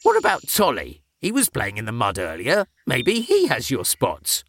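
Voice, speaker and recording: A man voicing a small male frog in a storybook with a croaky voice, curious and matter-of-fact. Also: mid-range voice, wildly swooping pitch, normal speed, a bit bright, dry recording, studio quality, full character voice.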